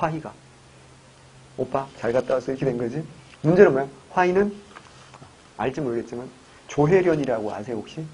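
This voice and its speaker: A man's voice: on the high side, darkish tone, husky, poor audio. A man teaching history for exam prep, telling jokey stories and firing rhetorical questions at his students. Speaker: history lecturer.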